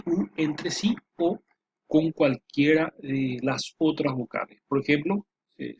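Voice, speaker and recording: A man giving a slow, patient lesson, repeating himself often and filling pauses. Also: a little high, darkish tone, breathy edge. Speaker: teacher. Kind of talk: spoken lesson over slides. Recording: dull dry lo-fi voice recording.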